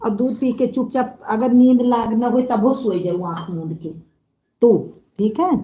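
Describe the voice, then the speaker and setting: A woman's voice: fairly high pitch, a little slow, warm tone, muffled recording, a little hiss or hum. A woman hosting a casual live stream, chatting with viewers and scolding and soothing children in between.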